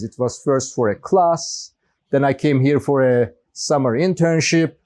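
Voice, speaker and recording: A man in his thirties, originally from Turkey, speaks to a small group in a relaxed, conversational way. His voice sits a little high for a man, and he often restarts phrases and leans on fillers as he talks. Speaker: guest speaker. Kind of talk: casual talk to a small group.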